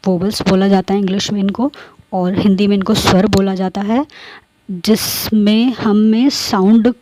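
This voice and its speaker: Woman teacher, mellow tone, patient and repetitive classroom delivery. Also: mid-range voice, fairly even intonation, normal speed. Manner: repeats points, checks in with students. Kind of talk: classroom grammar lesson.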